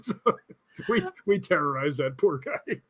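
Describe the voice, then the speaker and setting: A man's voice: fairly high pitch, expressive, unhurried, slightly rough. An older man, a guest on a video call, telling joking stories with chuckles. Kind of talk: casual video-call interview.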